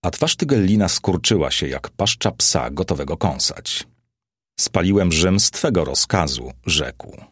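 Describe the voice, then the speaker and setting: A man narrating a historical novel as an audiobook, reading in a measured, even way. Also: sits low, breathy edge, no room sound, studio quality.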